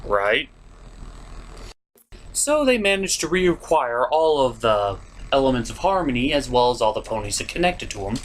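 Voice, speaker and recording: Hosting a cartoon review show, a man delivers opinionated commentary in a theatrical, exasperated way, his pitch swinging widely as each complaint builds. He is very animated at a moderate pace, and the poor audio has some background noise beneath his voice.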